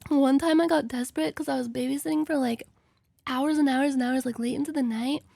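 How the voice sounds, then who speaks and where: Girl streamer w high voice n vocal fry, slangy sweary reaction chat. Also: steady tone, brisk, dark tone, dry recording.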